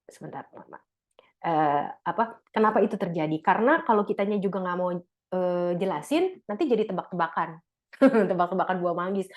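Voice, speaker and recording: A woman's voice: medium pitch, a little mellow. A middle-aged woman, giving a casual talk to a church couples' group, chatty, slangy and laughing often. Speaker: speaker at a church couples' fellowship.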